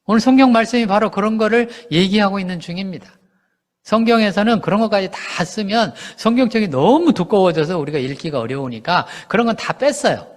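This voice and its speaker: A male pastor with a high-pitched voice delivers a conversational sermon. He keeps asking the congregation questions and answering them himself, and he acts out quoted lines in lively voices. His voice rings out with a long reverb, as in a large hall.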